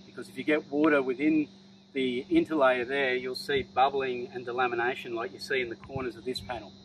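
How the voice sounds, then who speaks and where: A man's voice: medium pitch, a bit bright, a little hiss or hum, poor audio. A man in his thirties with an Australian accent, giving a plain, practical product demonstration outdoors on a roof. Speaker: product presenter. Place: outdoors on a sunny metal roof.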